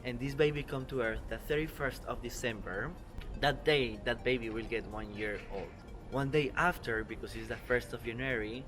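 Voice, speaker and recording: A Costa Rican vlogger in his twenties explains things in an earnest, careful travel vlog, speaking non-native English with small grammar slips. His voice is mid-range, and a clear music bed plays underneath.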